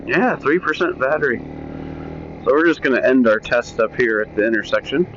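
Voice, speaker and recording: A man's voice: mid-range voice, expressive, a little fast, fairly bright tone. A man chatting casually while riding a motorcycle outdoors, his voice picked up by a cheap helmet intercom headset mic. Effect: heard through a motorbike helmet intercom mic. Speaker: motorcycle vlogger. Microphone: cheap Bluetooth helmet headset mic. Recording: muffled lo-fi helmet mic with faint road noise.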